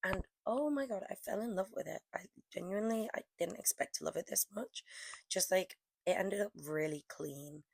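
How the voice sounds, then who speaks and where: A young woman who does press-on nails chats through her nail art in a casual vlog, rambling with lots of fillers. A cold is taking her voice, leaving it hoarse and croaky, though it stays medium-pitched, a little mellow, at normal speed.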